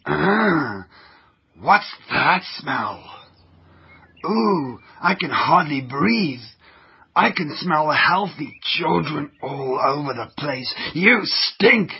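A man's voice: a little high, big pitch swings, drawn-out words, creaky, husky, lo-fi sound, exaggerated voice. A man voicing a sneering germ villain who hates clean, healthy children, gloating and disgusted in a theatrical way.

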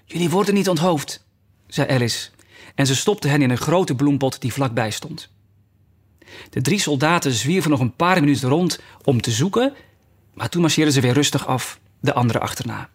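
A man narrating a storybook in a lively, expressive reading. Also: mid-range voice, moderate pace. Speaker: storybook reader.

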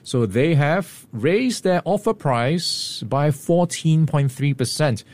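A man co-hosting a radio market report, brisk and lightly playful, a little hoarse. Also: on the high side, expressive, darkish tone, no room sound. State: slightly hoarse. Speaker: market news co-host. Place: radio studio. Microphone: studio microphone.

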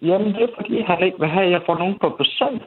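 A young man talking candidly in an interview, halting, swearing and restarting his sentences often. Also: high voice, husky. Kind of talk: candid interview about family conflict. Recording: tinny phone-like sound.

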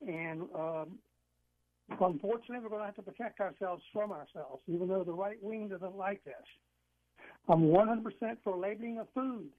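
High-voiced male caller on a phone line. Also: normal speed. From Georgia, US. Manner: emphatic, insistent, repeats himself. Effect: heard over a phone line. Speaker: radio call-in caller. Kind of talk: call-in opinion talk.

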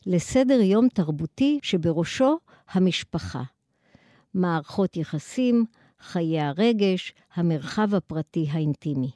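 Low, mellow Israeli woman lecturing formally. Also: no room sound, clean studio sound. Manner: formal, articulate, long measured sentences. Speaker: academic lecturer. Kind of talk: scripted academic lecture.

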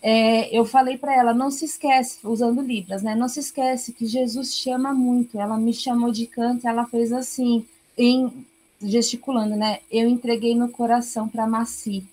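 A woman missionary telling a lively testimony, acting out the voices in her story. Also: on the high side, normal speed, low-quality recording. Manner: animated, acts out her own lines. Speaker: missionary guest.

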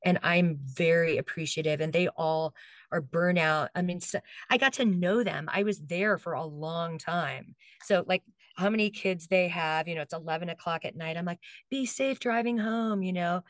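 A woman's voice: on the low side, normal speed, no room sound. A woman from Hawaii, a guest in an interview, talking in a rambling, heartfelt way with many asides and close to tears. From Hilo, Hawaii. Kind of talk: casual interview talk.

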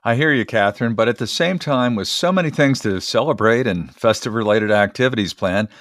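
A man's voice: fairly low pitch, fairly bright tone, no echo, clean studio sound. A man acting as interviewer, genial and somewhat formal and wordy, in a conversational but prepared-sounding style. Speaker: interviewer, co-host.

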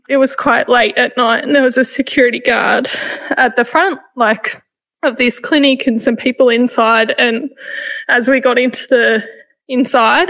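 A woman, retelling a painful personal experience in a halting, emotional way, with frequent restarts. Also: on the high side, gravelly, a bit bright. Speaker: interviewee. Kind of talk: personal testimony.

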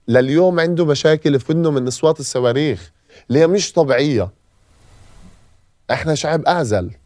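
Fast-talking Palestinian man, emotional testimony. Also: fairly high pitch, darkish tone, no room sound. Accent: Palestinian Arabic. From Gaza, Palestine. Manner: emotional, repeating phrases for emphasis. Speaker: guest. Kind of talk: personal testimony in a podcast interview.

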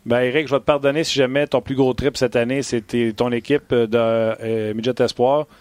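A man with a Québécois accent hosting a sports show, lively and joking in casual chat. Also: mid-range voice, moderate pace, clear, resonant tone, no echo.

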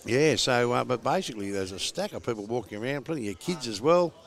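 Laconic Australian man with a creaky drawl. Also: medium pitch, expressive, quick pace. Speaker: podcast host. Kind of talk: casual outdoor-lifestyle podcast chat.

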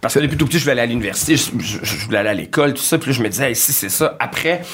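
A man's voice: mid-range voice, animated, very fast, a bit bright, a little hiss or hum. A man with a Quebec French accent, a comedian guest telling stories in casual podcast chat, often quoting his own past thoughts.

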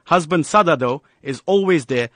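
A man's voice: fairly high pitch, animated, normal speed, a bit bright, no room sound. Male news reporter, dry studio voice. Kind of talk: scripted news narration.

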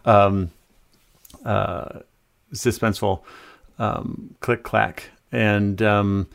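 A man with a lowish, smooth and resonant voice talks through his craft slowly and thoughtfully. He pauses often with fillers as he searches for words, speaking over a remote call. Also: fairly even intonation. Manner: hesitant, thoughtful, many fillers. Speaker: composer guest. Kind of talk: conversational interview answers.

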